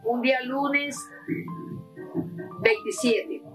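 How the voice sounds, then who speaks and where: A woman's voice: high voice, fairly even intonation, very slow, music in the background, poor audio. An older woman giving a rambling, breathless testimony as a grieving mother, calling the listener mamita and mijo. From Ecuador. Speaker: mother of a prison victim. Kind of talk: emotional testimony.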